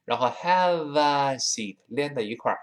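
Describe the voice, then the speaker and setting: A man from Tianjin with a Tianjin accent, teaching a spoken English lesson and slowing down to drill each sound. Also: medium pitch. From Tianjin, China. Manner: lively, slows down to drill pronunciation.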